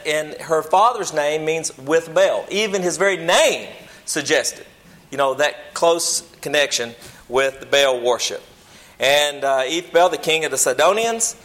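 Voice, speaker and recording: A man's voice: fairly high pitch, a bit bright. A man preaching a Bible lesson to a church group in a folksy, plain-spoken, humble way, often rephrasing as he goes. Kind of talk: sermon, teaching a church group.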